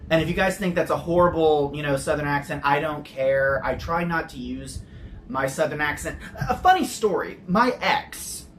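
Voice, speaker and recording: Reviewing sodas on his channel, this man has a somewhat high, slightly bright voice and speaks at a moderate pace. His chatty style wanders off on tangents with the occasional swear word, no regional accent, and slight background noise.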